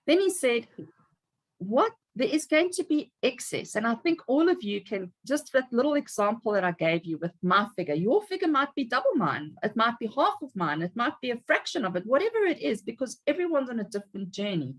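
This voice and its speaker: Upbeat, preachy woman in her fifties, a slightly high voice, motivating a team over a video call. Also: big pitch swings, brisk, few pauses. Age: 50s. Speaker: team leader in an online group call. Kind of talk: motivational talk on a group call.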